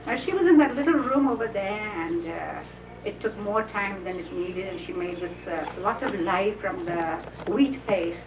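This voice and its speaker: An older woman telling a chuckling, unhurried anecdote to a small gathering, preserved on an old VHS tape. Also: mid-range voice. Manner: chuckling, unhurried storytelling with frequent laughs. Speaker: storyteller at a gathering. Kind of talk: reminiscing anecdote told to a small audience. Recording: muffled, hissy old tape, echoey room from far off.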